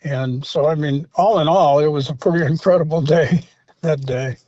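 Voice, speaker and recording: Older male guest, slightly high voice, rambling anecdotes, dull lo-fi dry sound. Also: moderate pace, warm tone, no echo. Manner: rambling anecdotes with many fillers and restarts. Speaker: interview guest, former rock singer. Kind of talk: storytelling in a casual interview.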